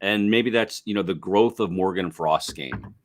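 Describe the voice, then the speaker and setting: A man working as a hockey analyst, talking casually with a rough voice from illness, rambling with restarts. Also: sits low, moderate pace, slight background noise. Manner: rambling, restarts, self-deprecating. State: sick, rough voice. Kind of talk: casual sports chat.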